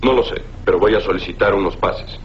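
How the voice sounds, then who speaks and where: A man's voice: deep voice, a little fast, a little hiss or hum, close to an everyday voice. A man voicing an upright, confident superhero soldier in a dubbed cartoon, speaking in a firm, declamatory way. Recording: dull lo-fi soundtrack under loud music.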